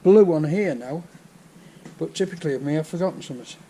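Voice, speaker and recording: A man's voice: fairly high pitch, fast, dark tone, low-quality recording. Chatty Yorkshire man in his workshop. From England. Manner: chatty, explains each job step by step. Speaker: vlogger restoring a tractor. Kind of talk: casual workshop narration. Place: home workshop. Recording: faint background noise.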